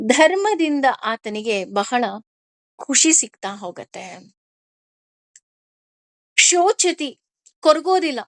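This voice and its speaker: A woman teaches scripture, taking Sanskrit verses line by line and explaining them through everyday examples. Her voice sits fairly high, and she keeps asking her listeners questions. The recording is dry and close. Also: unhurried, pauses often, dry recording. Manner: lively, asks listeners questions. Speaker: spiritual teacher. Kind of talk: discourse on scripture.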